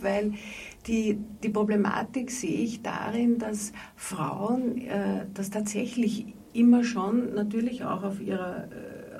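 A woman's voice: mid-range voice, vocal fry, warm tone. A middle-aged woman psychotherapist, speaking thoughtfully and hesitantly, with many fillers, in a radio interview. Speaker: psychotherapist in private practice. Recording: distant mic with faint background noise.

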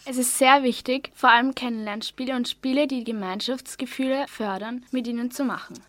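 A young woman, a trainee kindergarten teacher, reading her prepared answers in an even way. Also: on the high side, a little fast. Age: young adult. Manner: reads prepared anecdote, even. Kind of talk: scripted radio interview.

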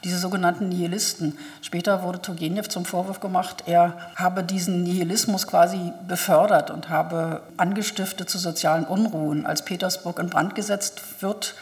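A woman's voice: fairly low pitch, fairly even intonation, moderate pace, hardly any pauses, a little mellow. A woman translator reading a novel aloud and then talking thoughtfully about its author. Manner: thoughtful, with fillers. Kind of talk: literary reading and talk. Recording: long hall reverb.

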